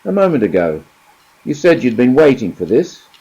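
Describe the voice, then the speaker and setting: A man doing a gentle, firm middle-aged woman. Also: medium pitch, big pitch swings, normal speed, breathy edge, muffled recording, pitched above the performer's own voice. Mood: concerned. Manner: gentle but firm, questioning. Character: calm, caring middle-aged woman helper.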